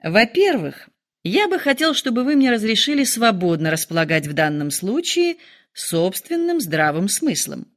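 A woman voicing a calm, wry older father who speaks in a measured, ironic way. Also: medium pitch, lightly acted.

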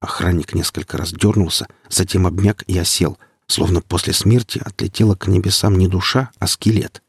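A man reading an audiobook in a steady, measured way. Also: deep voice, breathy edge, no echo, studio quality. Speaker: audiobook narrator. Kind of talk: audiobook narration.

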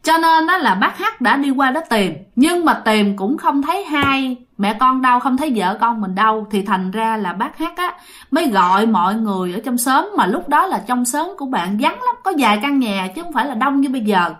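High-voiced woman telling a ghost story. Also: animated, a bit bright. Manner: chatty, drawn-out fillers, addresses listeners directly. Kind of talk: retold ghost story, addressing listeners.

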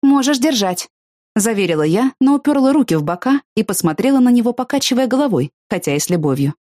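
Expressive woman reading a novel. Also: a little high, quick pace, dry recording, clean studio sound. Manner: expressive, animated in dialogue. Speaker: audiobook narrator. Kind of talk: first-person novel reading.

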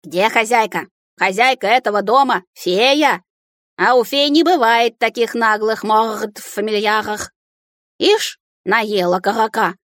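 Woman doing a fussy burring house spirit, high and rustic. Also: a little slow, no room sound, studio quality. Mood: scolding. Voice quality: burring rolled R. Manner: shouting, rustic speech. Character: stocky shaggy male house spirit, gruff and fussy.

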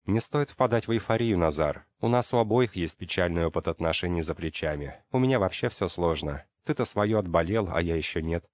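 A stubborn young woman snaps back with biting sarcasm, as a man reads her part. Her lines ride on a deep base voice. The sound is dry and close. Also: animated, brisk, few pauses, dry recording. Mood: defiant. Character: stubborn young woman, sharp-tongued and defiant.

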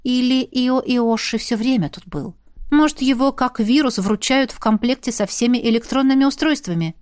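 A woman narrating a first-person audiobook in a lively, ironic storytelling manner. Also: on the high side, moderate pace, no room sound, clean studio sound.

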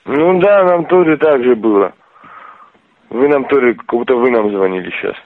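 A man's voice: medium pitch, lively intonation, moderate pace. A man answering a phone call, confused at first, then cursing back angrily. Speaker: call recipient. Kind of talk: phone conversation. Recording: tinny phone line.

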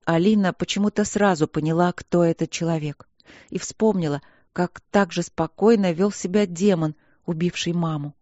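A man's voice: sits high, moderate pace, a little mellow, dry recording, muffled recording. Man narrating a fantasy audiobook.

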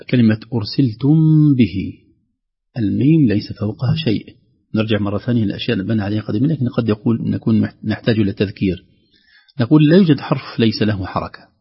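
A man teaching Quran recitation rules, explaining slowly and demonstrating words in a drawn-out recited voice. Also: on the low side, gravelly, husky, highs cut off. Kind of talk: tajweed lesson with recited examples.

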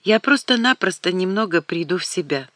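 A woman reader voicing a young woman who speaks quietly and hesitantly. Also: lowish voice, lively intonation, brisk, no echo. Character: young woman, shaken but grateful.

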